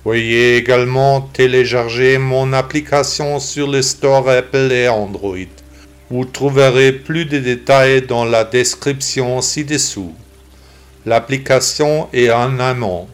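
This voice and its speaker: Host voice: male text-to-speech computer voice, unhurried, even machine delivery. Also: mid-range voice, clean tone. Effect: synthetic computer voice, text-to-speech. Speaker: podcast host. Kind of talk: scripted podcast intro and outro.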